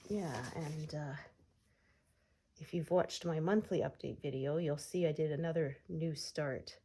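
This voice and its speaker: A middle-aged cross-stitch vlogger, still recovering from a cold and a bit stuffy, chats while stitching in an unhurried, slightly rough low voice. Her talk is relaxed and rambling, with "uh"s scattered throughout.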